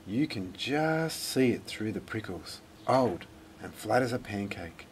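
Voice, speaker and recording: A man voicing excitable, gossipy children spreading scary rumours in a storybook. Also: lowish voice, measured pace, slight background noise. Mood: warning. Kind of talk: storybook character voice.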